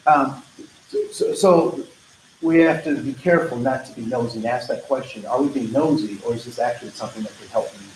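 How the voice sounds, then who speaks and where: Brisk and darkish in tone at a medium pitch, an American man talks through a diversity training workshop as a loose, conversational lecture. He wanders into tangents, says "um" a lot and repeatedly asks "right?", with the training room sounding echoey and faintly noisy.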